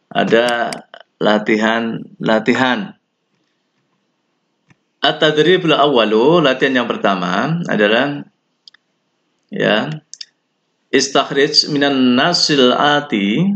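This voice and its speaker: Slow gravelly Indonesian teacher, lo-fi. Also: male voice, mid-range voice, fairly bright tone. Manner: slow, explains Arabic phrases in Indonesian. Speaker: Arabic teacher. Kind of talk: recorded online lesson. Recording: dull lo-fi recording.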